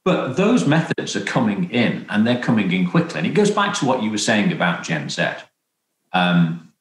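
A man's voice: lowish voice, very animated, normal speed. A middle-aged man speaking on a video-call panel, earnest and emphatic, repeating his key points. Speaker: panelist, consumer goods executive. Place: home room with stone wall. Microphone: video call webcam. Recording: echoey room on a webcam.

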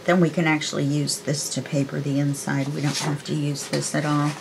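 A woman of about sixty presents a craft tutorial at an indoor craft desk, chatting casually and thinking aloud in a folksy, self-deprecating way. Her voice is deep and level with vocal fry, her pace brisk, and there's background noise.

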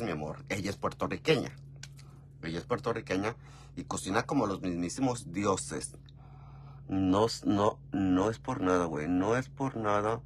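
A man with a Mexican Spanish accent tells a story in a chatty, gossipy way, often calling the listener "mi amor". His voice sits fairly low but leaps up in pitch and loudness as he gets excited. A faint hum runs underneath. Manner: expressive, with big jumps in pitch and volume. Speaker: vlogger. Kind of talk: casual storytelling chat.

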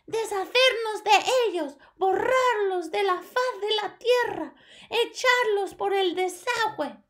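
A woman's voice: very high voice, slow, a bit bright, pitched above the performer's own voice, heavily acted. A woman voicing a crowd of eager female witches in a storybook reading, chanting in a squealing, sing-song way. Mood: excited chanting. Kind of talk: storybook read-aloud.

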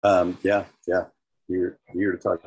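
A man's voice: deep voice, level tone, measured pace, a little mellow, husky, poor audio. A man talking over a video call whose connection keeps breaking up, hesitant with many restarts. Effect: choppy video-call connection breaking up. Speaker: call participant. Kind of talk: casual meeting chat.

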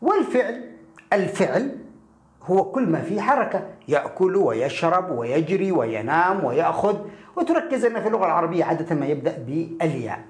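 A man teaching a lesson with an explanatory, animated delivery and frequent rhetorical questions. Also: a little high, fairly quick. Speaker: English teacher. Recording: echoey room.

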